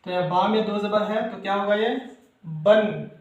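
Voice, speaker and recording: A man's voice: high voice, fairly even intonation, fast talker, heavy reverb, lo-fi sound. A man teaching Quran reading, patiently explaining and repeating syllables one by one for learners. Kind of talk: slow step-by-step recitation lesson.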